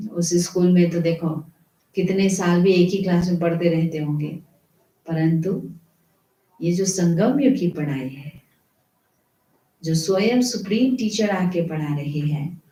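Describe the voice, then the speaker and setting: A woman gives a devotional sermon at an unhurried, measured pace, stopping to ask and answer her own questions. Her voice is low and mellow. The room around her is echoey. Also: muffled recording. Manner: slow, explanatory preaching with rhetorical questions. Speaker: spiritual teacher. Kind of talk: devotional murli reading with commentary.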